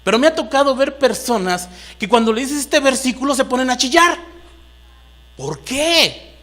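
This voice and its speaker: A pastor with a Mexican Spanish accent preaches to his congregation in a church hall, his very high voice sharp in tone and very animated. Moving at a moderate pace, he rises into emphatic bursts and asks the room questions.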